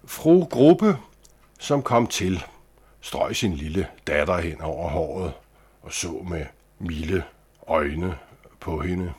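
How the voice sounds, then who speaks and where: Low husky male storyteller. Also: expressive, pauses often, a little mellow. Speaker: narrator. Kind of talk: scripted storybook narration.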